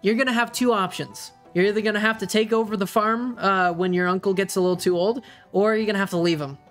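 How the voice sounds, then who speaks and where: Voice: medium pitch, fairly even intonation, fast, a bit bright, faint music behind, lightly acted. Game master acting a nosy, folksy farmer merchant. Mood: probing.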